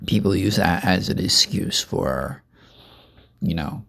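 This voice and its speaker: A man's voice: deep voice, big pitch swings, slow, vocal fry, a bit bright. A young man rambling casually through a food review vlog, chatting and eating as he talks. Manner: rambling, chatty, eats while talking. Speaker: vlogger.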